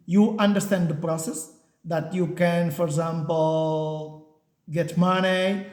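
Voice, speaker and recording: In this casual vlog recorded in an echoey room, a software engineer and channel host talks to camera in a voice that sits high and has a darkish tone. Portuguese is his first language and he comes from a Portuguese-speaking country, so his English is slow and halting, with many fillers and restarts.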